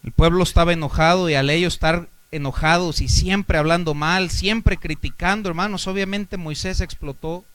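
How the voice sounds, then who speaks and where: Man, Mexican Spanish accent, pastor, sermon, rhetorical questions, loud then quiet delivery, fairly high voice, dry recording. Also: steady tone, moderate pace, few pauses, clear, resonant tone, no room sound. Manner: preaching with swings between loud exhortation and quiet asides.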